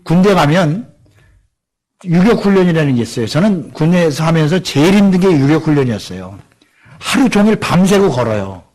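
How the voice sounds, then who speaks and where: A man's voice: on the high side, very animated, moderate pace, darkish tone. A middle-aged man preaching a sermon in a church, asking the congregation questions and acting out the voices of people he quotes. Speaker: pastor. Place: church sanctuary.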